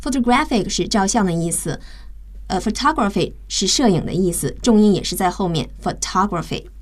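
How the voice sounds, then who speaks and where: She's a radio host and English teacher whose medium-pitched, expressive voice moves a little fast. The lesson goes through vocabulary step by step, with words spelled out letter by letter.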